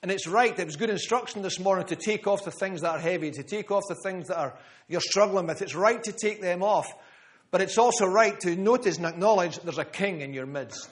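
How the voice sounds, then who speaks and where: With a high voice and a brisk delivery, a man preaches a sermon in a church gathering room. He hammers home key phrases through repetition and names individual listeners as he speaks.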